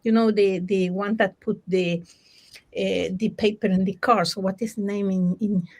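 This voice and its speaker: A woman's voice: medium pitch, fairly even intonation, darkish tone. A woman coach, not a native English speaker, talking in a casual discussion and often stopping to search for words. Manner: halting, searching for words, many restarts.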